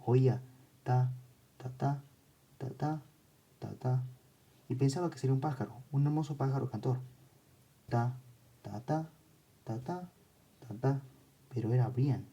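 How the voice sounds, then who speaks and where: A man voicing a young girl under hypnosis, speaking softly in a childlike, matter-of-fact way. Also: medium pitch, fast talker, hardly any pauses, highs cut off, lightly acted. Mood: haunted insistent.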